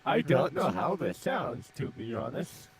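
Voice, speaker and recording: A man's voice: medium pitch, huge pitch swings, unhurried, vocal fry, a loud crowd. A man talking casually over voice chat through a demonic reverb voice changer, playing around with how it sounds. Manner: playful, toying with his voice. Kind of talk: casual chat while gaming. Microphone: directional desk mic over voice chat.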